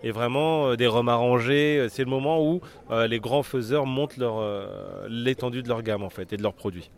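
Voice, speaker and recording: A man co-hosting a podcast, explaining quickly in a casual way with lots of fillers. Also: mid-range voice, gravelly. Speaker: podcast co-host.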